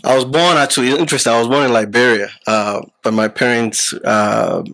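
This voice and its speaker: A man with a mid-range, slightly bright voice speaks fairly quickly in a steady tone. Partly raised in Ghana, he's an app founder appearing as a podcast guest, explaining things casually in interview talk full of fillers and restarts.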